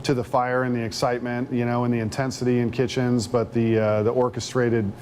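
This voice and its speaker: A man who teaches cooking, talking in a relaxed, loose way during a news interview. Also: medium pitch, brisk, slight background noise. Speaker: chef instructor.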